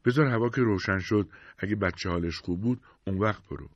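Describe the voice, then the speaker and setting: A man's voice: fairly low pitch, breathy edge, no echo, lo-fi sound. A man voicing an anxious, upset young wife with a sick baby, pleading and insistent, in an audiobook reading.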